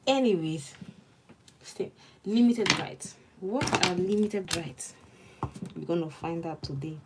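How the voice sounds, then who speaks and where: Heavy background noise sits under her slow, low-leaning voice. A young Nigerian woman with a Nigerian accent, she's a law student murmuring notes aloud and talking with viewers on a casual study stream.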